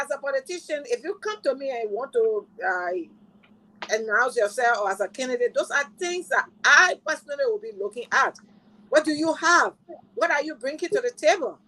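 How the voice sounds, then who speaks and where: Liberian woman, higher-pitched political analyst, earnest, rhetorical questions. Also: a bit bright, low-quality recording. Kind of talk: panel discussion.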